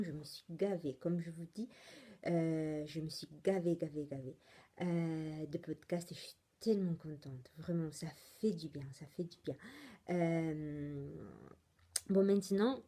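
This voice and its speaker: A woman with an Italian accent chats slowly through her knitting podcast, pausing often and restarting her sentences. Her voice is low and mellow, and she speaks French as a second language. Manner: rambling, hesitant, many fillers and restarts. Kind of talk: casual chatty podcast monologue.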